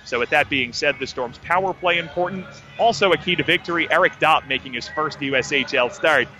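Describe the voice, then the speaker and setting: Bright, high-voiced male sports broadcaster. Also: fairly quick, soft background music, low-quality recording. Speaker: hockey play-by-play broadcaster. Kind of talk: live sports pregame commentary.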